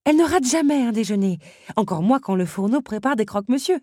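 A woman's voice: lively intonation, fast, mellow, dry recording, clean studio sound. A woman voicing an anxious, motherly teapot housekeeper who frets and weeps. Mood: worried. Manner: high, tearful, fretting.

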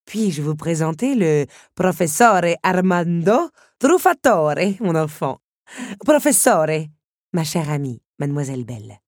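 A woman voicing a gracious, affectionate aristocratic countess in a storybook reading, speaking slowly and effusively. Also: low-pitched, big pitch swings, a little mellow, no echo, clean studio sound, heavily acted.

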